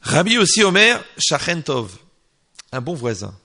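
Gravelly animated French rabbi-style teacher. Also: male voice, on the high side, measured pace. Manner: animated, acts out little dialogues, slips in Hebrew terms. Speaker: religious teacher. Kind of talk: informal Torah lesson.

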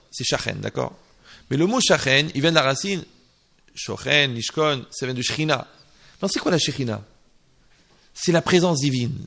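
Male religious teacher, casual lesson, raised pitch, gravelly edge. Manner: animated, acts out little dialogues, slips in Hebrew terms. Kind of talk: informal Torah lesson.

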